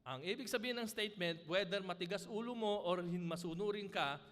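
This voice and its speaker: A man with a Filipino accent preaching a sermon, rising for emphasis and dropping soft and low for asides, with nervous stumbles and restarts. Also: fairly quick. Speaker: pastor. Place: church hall. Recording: long church hall reverb.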